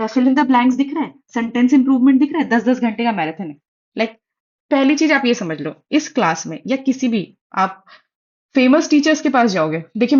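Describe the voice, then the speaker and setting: Chatty young woman tutor, lo-fi sound. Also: a little high. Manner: chatty, mixes English into Hindi, fillers. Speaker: exam prep tutor. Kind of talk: casual study-advice talk. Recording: dull lo-fi audio.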